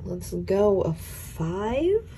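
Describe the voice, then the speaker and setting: A young book vlogger, hoarse as she recovers from an illness, chats casually at home at night in a reading wrap-up video and counts dice rolls aloud. Her voice is medium in pitch with big swings and very slow delivery, with background noise.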